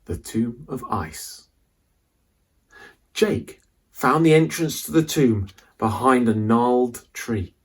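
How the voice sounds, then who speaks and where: A man narrates a children's adventure story in a dramatic, suspenseful way, delivering each line deliberately. His voice is medium-pitched with a breathy edge.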